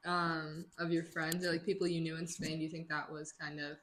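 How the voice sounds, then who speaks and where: A woman's voice: deep voice, level tone, a little fast, fairly bright tone, a little hiss or hum. A young woman hosting a student podcast, asking interview questions in a hesitant way with many fillers. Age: young adult. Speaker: podcast host.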